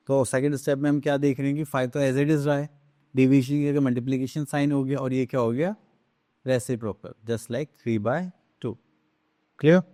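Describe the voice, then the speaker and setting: A man teaching a math lesson on fractions, asking questions and answering them himself, slipping into English terms and reading numbers out slowly. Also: mid-range voice, darkish tone, no echo, studio quality. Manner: drawn-out slow reading of numbers.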